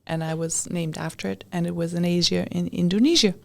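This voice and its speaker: A woman in her late sixties, originally from Europe but with an American accent, recounts her life as a casual guest in a podcast studio. Her voice is low-ish and gravelly, she speaks fairly quickly, and she repeats short phrases.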